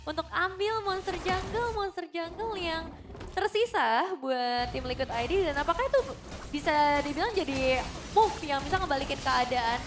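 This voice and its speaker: High-pitched female esports analyst. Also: expressive, normal speed, over music. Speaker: esports commentator. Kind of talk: analytical game commentary.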